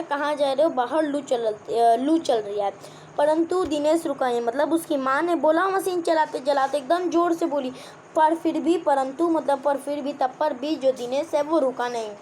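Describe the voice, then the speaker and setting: Brief: young woman teacher, high voice, explains a kids' story line by line, asks the class questions, faint background hiss. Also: darkish tone. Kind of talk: explaining a children's textbook chapter.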